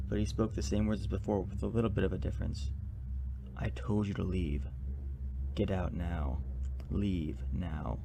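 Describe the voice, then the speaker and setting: A man recounting a scary story in the first person, in a measured, somber way with pauses. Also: fairly low pitch, gravelly, noisy background. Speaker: narrator recounting own dream.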